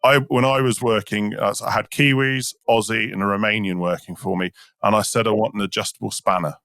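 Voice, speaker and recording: Low-voiced male podcast host, chatty, acts out quotes in anecdotes, dry close mic. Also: steady tone, fairly quick, fairly bright tone, clean tone, no room sound. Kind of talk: casual podcast interview.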